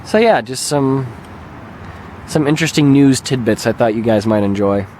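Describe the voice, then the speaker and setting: Talking into a handheld camera on an open lakeshore beach, a gamer and channel host rambles casually for his vlog. His medium-pitched voice is a touch raspy and hoarse from a recovering throat, mellow in tone and moderately paced, and there's slight hiss or hum in the audio.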